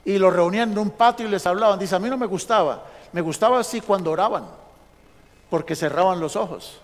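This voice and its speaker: A male pastor telling a lively story in a sermon, acting out the dialogue of the people in it. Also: high-pitched, a little fast, a little hiss or hum. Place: large church sanctuary. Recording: long church hall reverb.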